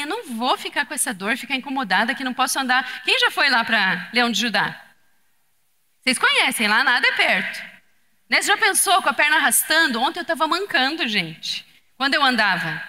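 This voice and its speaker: A middle-aged woman giving an animated testimony sermon, speaking straight to a church audience. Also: on the high side. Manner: animated storytelling, addresses the audience directly. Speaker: speaker at a women's church gathering. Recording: long hall reverb.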